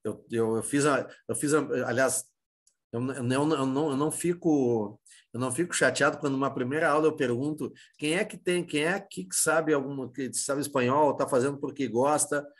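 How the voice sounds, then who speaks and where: A man with a Brazilian Portuguese accent teaching an exam-prep Spanish lesson, who asks and answers his own questions in an informal, halting way. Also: medium pitch. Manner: many fillers and restarts, informal.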